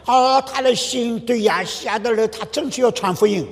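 Older male pastor, emphatic sermon delivery, fairly high gravelly voice, big hall reverb. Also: moderate pace. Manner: emphatic preaching with sudden loud outbursts and soft drops.

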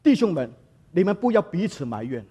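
A male pastor delivers a sermon in an animated, storytelling manner, often slipping phrases into his speech. His voice sits fairly high and has a husky edge. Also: a little fast. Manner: lively storytelling, mixing in English words.

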